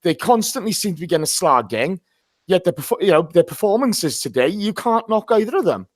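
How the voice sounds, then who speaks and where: A man's voice: high-pitched, sing-song, brisk, no echo, clean studio sound. A hungover man hosting a casual live football fan show, talking in a blunt, matey way.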